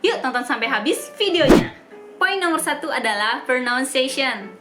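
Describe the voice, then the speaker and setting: A woman's voice: sits high, animated, normal speed, pushed and bright. A young woman whose first language is Indonesian, hosting a casual language tutorial in an upbeat, chatty way and spelling words out letter by letter. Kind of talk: casual explainer vlog. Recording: echoey room with music behind.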